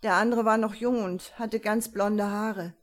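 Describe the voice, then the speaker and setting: A woman's voice: mid-range voice, fairly even intonation, a little slow, lightly acted. A woman reading an audiobook, voicing a tense young man who sees ghosts. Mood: uneasy.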